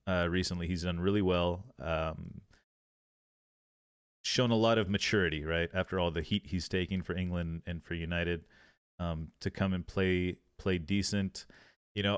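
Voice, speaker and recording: A man's voice: low-pitched, clean tone, dry recording, studio quality. A man hosting a casual football podcast, rambling with many fillers and restarts. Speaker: podcast host.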